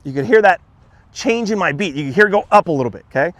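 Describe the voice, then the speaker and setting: A man coaching golf putting outdoors on a green, talking in a relaxed way, often checking in with "okay?" and repeating himself as he demonstrates. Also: sits high, fast, dry recording. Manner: relaxed, repeats "okay?" and "again", restarts words. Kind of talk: on-course instruction, demonstrating.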